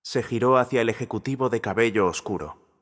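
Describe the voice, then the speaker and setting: A man narrating a scripted drama story in a steady, dramatic storytelling way. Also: medium pitch, fairly quick. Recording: long reverb.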